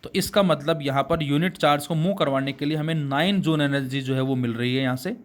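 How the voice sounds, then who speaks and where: A man's voice: fairly high pitch, a little fast. A man teaching physics in Hindi mixed with English terms, calling his students beta and asking questions he answers himself. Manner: asks rhetorical questions and answers them himself. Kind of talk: classroom physics lecture.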